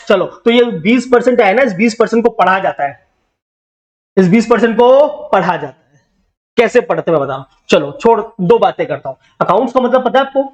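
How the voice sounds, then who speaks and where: A man's voice: very high voice, lo-fi sound. A man teaching accounting to a classroom, drilling students with repeated questions and teasing them when they don't know. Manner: teasing, scolding banter with the class. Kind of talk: classroom lecture.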